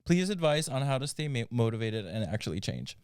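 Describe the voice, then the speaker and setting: A man in his twenties co-hosting a podcast, chatting casually with many fillers and gently reassuring listeners. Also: medium pitch, very animated, fairly quick, clean tone, dry recording, studio quality. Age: 20s. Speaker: podcast co-host. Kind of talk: casual chat.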